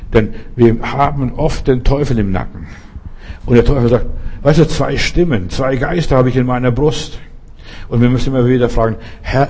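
A man's voice: mid-range voice, dark tone, breathy edge. A man preaching a sermon in an earnest, direct way, speaking straight to each listener.

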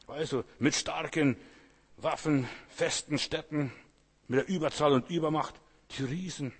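Husky-voiced man preaching, talking straight to the congregation, repeating his urging lines with rising force. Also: on the high side, measured pace. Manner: conversational, keeps asking the audience "weißt du"; repetitive exhortation, rising loud on key phrases. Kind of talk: sermon.

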